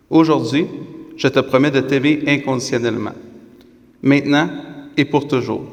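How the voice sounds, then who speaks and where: A man speaking his wedding vows as the groom. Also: mid-range voice. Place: wedding ceremony. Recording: reverberant hall.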